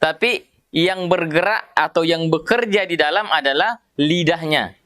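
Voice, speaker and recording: A man's voice: on the high side, a bit bright. Patient man demonstrating Arabic letter sounds. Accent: Indonesian. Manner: patient, repeats syllables slowly to demonstrate pronunciation; many fillers and restarts, conversational. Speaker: Quran recitation teacher. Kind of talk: tajwid lesson.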